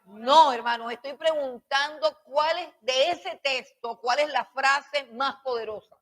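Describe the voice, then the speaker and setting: A woman's voice: high voice, measured pace, fairly bright tone. A woman teaching a Bible school class on preaching, repeating her points and questioning her students.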